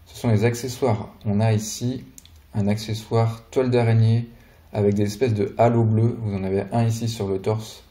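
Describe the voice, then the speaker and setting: Toy reviewer, man, low and very dark voice, easygoing chatty delivery. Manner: relaxed, chatty, hesitant fillers. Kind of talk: casual product walkthrough.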